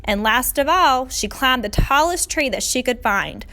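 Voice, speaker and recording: A woman with a high-sitting voice reads a storybook to young children in a teacherly manner, her phrasing expressive, measured and full of drama.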